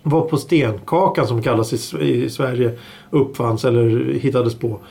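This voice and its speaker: A man's voice: mid-range voice, vocal fry, darkish tone. A middle-aged man co-hosting a casual chat, explaining things at length with restarts. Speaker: podcast co-host.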